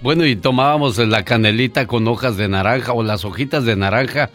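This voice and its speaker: A man's voice: medium pitch, brisk, a bit bright, faint music behind. A man hosting a radio call-in show, joking with callers and his co-host. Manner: joking, playful interjections. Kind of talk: comic call-in banter.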